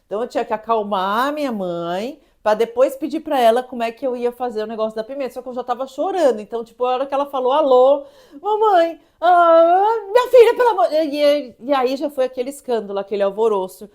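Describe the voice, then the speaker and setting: A woman from Brazil, in her thirties, telling a personal story in a casual, animated way, acting out scenes and laughing as she goes. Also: fairly high pitch, very fast, hardly any pauses. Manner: animated, laughing, acts out the shouting chef.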